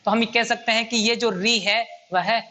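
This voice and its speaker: A man's voice: extremely high pitch, fairly even intonation, normal speed, sharp tone. A man teaching a grammar lesson at a whiteboard, patiently repeating and counting items aloud.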